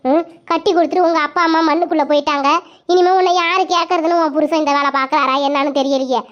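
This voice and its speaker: A woman's voice: sits high, fairly even intonation, fast talker, fairly bright tone. A woman voicing a put-upon young village housewife in a cartoon, grumbling and lamenting, on a dull lo-fi recording.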